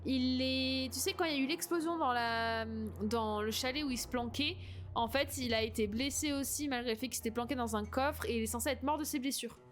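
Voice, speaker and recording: A woman's voice: high-pitched, brisk. A young woman streaming a game, chatting casually, hesitant and reading game text aloud. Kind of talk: casual let's-play chat.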